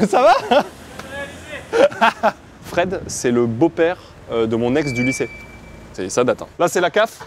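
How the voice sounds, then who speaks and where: Brief: young streamer from Avignon, chatty and joking, walking tour outdoors, faint street noise. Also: male voice, medium pitch, slow pace, long pauses. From Avignon, France. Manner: chatty, joking, slangy, lively. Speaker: streamer giving a city tour. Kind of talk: casual walking tour chat.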